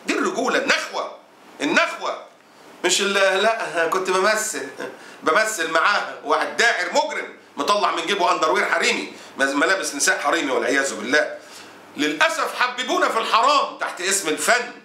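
A man's voice: sits high, sing-song, quick pace, bright, forceful tone. A man preaching a sermon with an Egyptian Arabic accent, in a fiery, indignant, scolding way. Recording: roomy echo.

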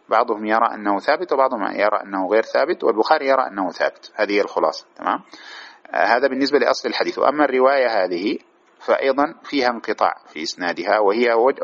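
A man's voice: fairly low pitch, fairly bright tone, highs cut off. A man teaching a classroom lesson, reading a text aloud and explaining it, often checking with his students. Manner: fast, checks understanding with asides to students. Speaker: teacher of hadith commentary.

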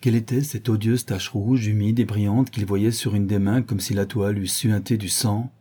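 A man narrating a classic novel in a measured, dramatic reading. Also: fairly low pitch, fairly even intonation, dark tone, slightly rough. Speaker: audiobook narrator. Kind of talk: scripted narration.

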